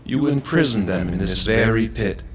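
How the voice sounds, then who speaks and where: A many-headed monster, played by a man, talks in a low, slow, echoing chorus of voices, wary and vengeful. Music swells clearly beneath it in this myth audio drama. Its tone stays grim and distrustful. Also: close to an everyday voice. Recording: music playing underneath.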